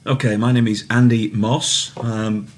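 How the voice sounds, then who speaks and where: Manchester man, forties, interviewee; very low voice, halting delivery, faint hum behind. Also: flat delivery. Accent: English, Manchester. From England. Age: 40s. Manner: hesitant, many ums and restarts. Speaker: interviewee, soccer referee. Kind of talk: casual interview answers.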